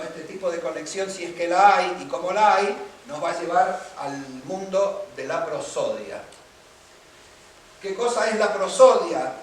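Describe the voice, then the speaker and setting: A man's voice: high voice, slight background noise. A man from Argentina giving a seminar lecture on music, explaining points and checking that listeners follow. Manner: explanatory, asks listeners for agreement. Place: lecture room. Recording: echoey room, mic far off.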